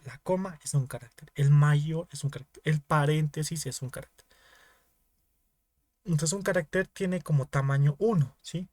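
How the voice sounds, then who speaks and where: A young man with a Bolivian Spanish accent, serving as a teaching assistant, leads an online class in a fairly high, darkish voice at a moderate pace with no room sound. His explanations come in small repeated steps, with frequent student check-ins.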